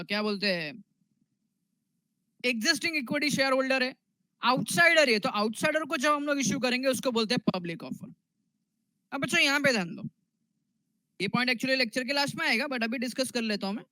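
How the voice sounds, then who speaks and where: Guy teaching commerce, high bright voice, dry close sound, asks his own questions. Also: no room sound, poor audio. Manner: repeats key terms, asks and answers students' questions himself. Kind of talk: classroom lecture.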